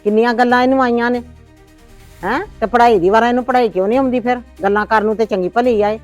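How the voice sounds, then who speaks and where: A woman's voice: fairly high pitch, steady tone, quick pace, faint music behind, natural voice. A woman playing a stern, nagging grandmother in a homemade family drama, lecturing and complaining. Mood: scolding. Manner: complaining, lecturing, sharp-tongued.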